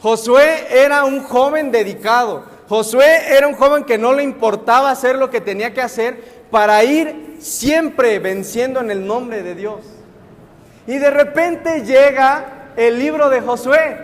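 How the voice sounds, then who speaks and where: A very high voice, a little slow, belongs to a young guest preacher giving a sermon who questions the congregation and supplies the answers himself. The church sanctuary setting yields an echoey hall sound with long reverb.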